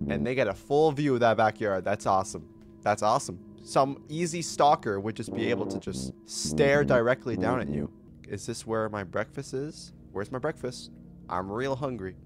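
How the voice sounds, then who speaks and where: A man's voice: mid-range voice, lively intonation, moderate pace, music in the background. A young man hosting a gaming channel, casually reacting aloud and reading dialogue during a let's play.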